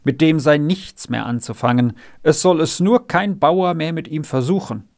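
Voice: mid-range voice, moderate pace, darkish tone, lightly acted. A reader doing a stern old-fashioned farmer father. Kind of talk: audiobook reading.

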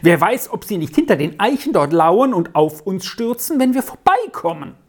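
A woman voicing an excitable, easily alarmed lady traveler in a storybook reading. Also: medium pitch, moderate pace, slightly rough, pitched above the performer's own voice. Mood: agitated. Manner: agitated, excitable.

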